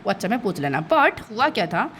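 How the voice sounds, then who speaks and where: A woman's voice: mid-range voice, a little fast, slight background noise. A woman teacher explaining a lesson to her students, keeps checking "okay?", and laughs at her own slips. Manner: lively, checks understanding with constant "okay?" asides. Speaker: school English teacher. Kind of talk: online class explanation in mixed Hindi and English.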